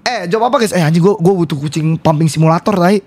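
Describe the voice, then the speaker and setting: Rowdy streamer yelling at chat. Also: male voice, on the high side, fast talker. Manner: loud, rowdy, swearing, addresses chat constantly. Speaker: game streamer. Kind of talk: live-stream gameplay commentary.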